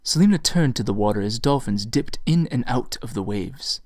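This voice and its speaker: A man narrating his own fantasy novel in a measured storytelling voice, recorded on a desktop mic. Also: mid-range voice, expressive, a little mellow, no room sound, clean studio sound. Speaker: author and narrator. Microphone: USB desktop mic.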